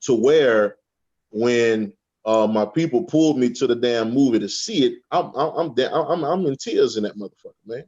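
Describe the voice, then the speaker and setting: A man's voice: mid-range voice, moderate pace, a little mellow, husky, lo-fi sound. A man in casual spiritual talk, profane, often repeating words and checking in with "okay?". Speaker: guest speaker on a spiritual panel.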